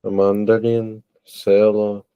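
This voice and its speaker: A man taking part in an online lesson as a student, naming words one at a time in a halting way, with long hesitations before each. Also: on the low side, little pitch movement, dark tone, smooth, no room sound.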